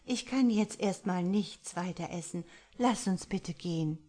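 A woman's voice: lowish voice, unhurried, warm tone. A woman reading a fond, impatient young woman. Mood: affectionate. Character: affectionate, hungry young woman on a romantic getaway. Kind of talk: audiobook dialogue reading.

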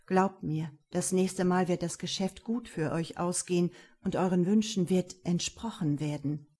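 Brief: woman doing a devoted, impulsive young man, earnest, mellow husky tone. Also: on the low side, fairly even intonation, unhurried.

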